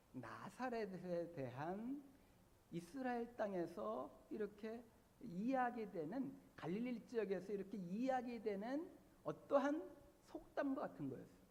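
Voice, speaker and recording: A man's voice: high-pitched, a little mellow. A man preaching a sermon as pastor, emphatic and repeating key words for stress. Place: church sanctuary. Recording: long church-hall reverb.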